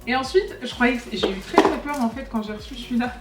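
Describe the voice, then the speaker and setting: A woman's voice: a little high, quick pace, recorded from a distance. A young woman chatting casually as she unboxes makeup for her vlog and talks to the products. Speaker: beauty vlogger. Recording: echoey room, voice a bit off-mic, faint music.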